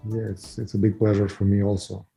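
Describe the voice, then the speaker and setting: Ukrainian-accented businessman guest, low dark gravelly voice, halting delivery with many fillers. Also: level tone, faint music behind, poor audio. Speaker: guest, company founder. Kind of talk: interview answers.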